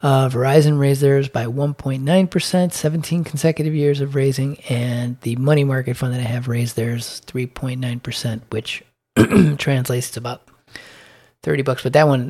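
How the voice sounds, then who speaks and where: Reading percentages aloud in an unscripted monthly portfolio recap, a man who vlogs about dividend investing speaks at a typical middle pitch with a bit of hoarseness. His delivery is relaxed but halting, with frequent ums and restarts.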